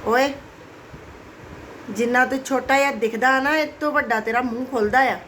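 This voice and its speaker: A woman's voice: high voice, quick pace, a bit bright, slight background noise. A woman casually vlogging at home, talking to her pet in a doting, coaxing sing-song way.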